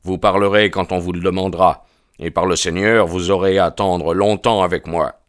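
A hot-tempered young stranger who refuses all advice, as a man reads him. He speaks deep and low with curt, growling defiance, recorded dry and close. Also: steady tone, moderate pace, dry recording, natural voice. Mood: defiant.

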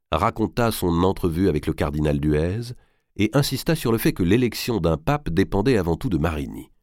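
A man narrating a historical novel as an audiobook, in a measured storytelling manner. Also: sits low, a little mellow, no room sound, studio quality. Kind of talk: scripted narration.

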